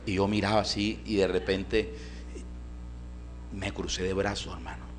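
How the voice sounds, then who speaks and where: A male pastor preaching a storytelling sermon in a church, folksy and animated, often calling his listeners brother. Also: sits low, normal speed, slight background noise.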